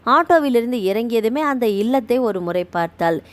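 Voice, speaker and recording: A woman's voice: a little high, animated, normal speed. A woman narrating a novel as an audiobook, reading steadily and evenly. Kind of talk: storybook narration.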